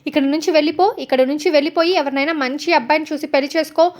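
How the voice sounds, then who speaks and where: A woman voicing a scornful, spiteful older aunt who taunts and scolds, in a fast, high voice. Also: steady tone, close to an everyday voice. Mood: taunting.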